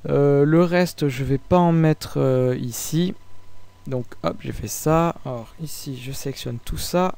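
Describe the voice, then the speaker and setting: A young man with a French accent talking through a software tutorial in a relaxed, informal way, full of hesitations and restarts. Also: on the high side, gravelly, smooth. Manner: halting, many fillers and restarts, relaxed and informal. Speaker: tutorial maker. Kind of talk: casual screen-recorded software tutorial.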